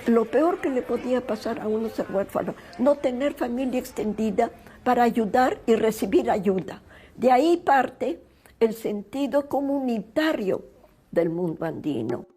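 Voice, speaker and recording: A woman's voice: on the high side, lively intonation, a little slow, dark tone, some chatter behind. A woman historian explaining things thoughtfully in an interview, with small hesitations.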